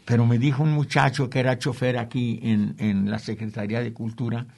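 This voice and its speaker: A man's voice: mid-range voice, little pitch movement, a little fast, creaky, a little mellow. An older man with a Mexican accent, a printmaker guest telling rambling stories with chuckling asides. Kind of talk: anecdotal interview talk.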